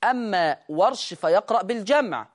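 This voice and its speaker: A Quran recitation teacher with an Egyptian accent, explaining quickly and then slowly drawing out each word to demonstrate how it is read. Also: mid-range voice, animated. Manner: brisk explanation, slow drawn-out demonstration of words. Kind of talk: recitation lesson.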